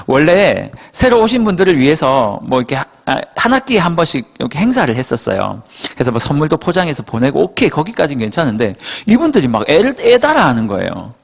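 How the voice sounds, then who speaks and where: A male pastor preaching to young adults, telling stories in an animated way and acting out quotes. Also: fairly high pitch, fast talker, creaky, few pauses. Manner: animated storytelling, acts out quotes. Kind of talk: sermon to a young adult congregation.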